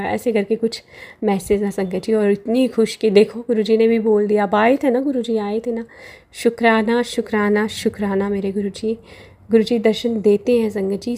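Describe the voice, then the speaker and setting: A woman's voice: medium pitch, gravelly, dark tone. Earnest woman telling a devotional story. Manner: addresses listeners as sangat ji; slow, earnest, with frequent pauses. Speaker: devotee sharing experiences.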